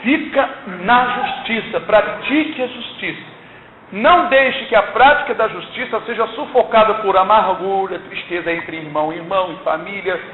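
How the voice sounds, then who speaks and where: In a tinny, lo-fi recording from an echoey room, with a faint hiss underneath, an older man gives a sermon-like church testimony. His voice is high and his pace normal, and he urges his listeners on earnestly, frequently tossing in "não é?".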